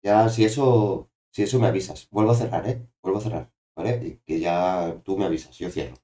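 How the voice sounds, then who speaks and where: A low, warm male voice, slightly quick, keeps up playful live-stream banter as he draws. He repeats himself and orders a toy around.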